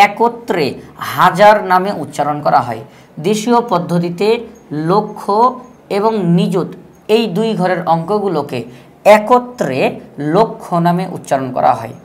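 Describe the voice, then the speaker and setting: Female math teacher from Bangladesh, low voice, patient, repeats each rule. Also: a little mellow, a little hiss or hum. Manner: patient, repetitive step-by-step explaining. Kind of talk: classroom math lesson.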